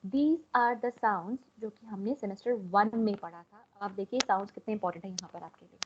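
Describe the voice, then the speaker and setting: A woman's voice: medium pitch, a little fast, husky. A young woman with an Indian accent teaching an online language class, mixing Hindi and English and coaxing students to answer. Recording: dull lo-fi online call audio.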